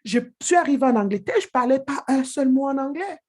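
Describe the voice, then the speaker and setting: A woman's voice: high-pitched, expressive, a little fast. A woman giving a motivational training talk, emphatic and direct, repeating her key phrases to the listener. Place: living in England.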